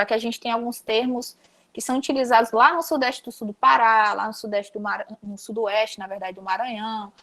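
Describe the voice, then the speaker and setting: A young woman with a Cearense Brazilian accent, teaching an online class in a chatty, upbeat way and talking straight to her students. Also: a little high. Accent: Cearense Brazilian Portuguese. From Ceará, Brazil. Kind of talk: casual online class lesson.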